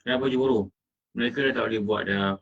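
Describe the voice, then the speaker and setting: Malaysian ustaz lecturing from a distance. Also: male voice, medium pitch, fairly even intonation, fast. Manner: questions the audience and acts out quoted dialogue. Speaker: religious teacher. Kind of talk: Islamic lecture. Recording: distant muffled mic.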